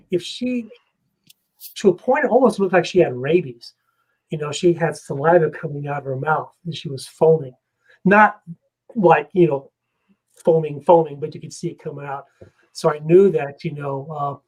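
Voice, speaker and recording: A man, a guest investigator, telling a story in a casual, animated way and acting out the scenes. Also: fairly high pitch, rough recording.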